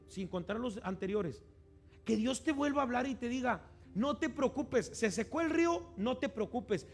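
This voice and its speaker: A pastor preaching a sermon, acting out quoted voices with animated delivery. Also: male voice, extremely high pitch.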